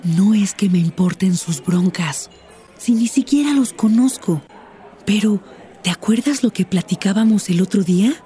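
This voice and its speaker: A woman's voice: medium pitch, expressive, moderate pace, mellow, soft background music. A woman with a Mexican accent, talking earnestly and explaining in a scripted dialogue. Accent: Mexican Spanish. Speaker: character Patty in a teaching dialogue.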